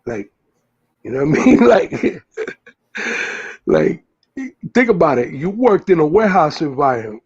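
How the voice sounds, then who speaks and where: New guy hosting, husky kinda high voice, dull lo-fi sound, rambles with lots of "like". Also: sing-song, a little slow, pauses often, a little mellow. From US Northeast. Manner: rambling, many fillers and restarts. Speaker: host. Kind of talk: casual chat.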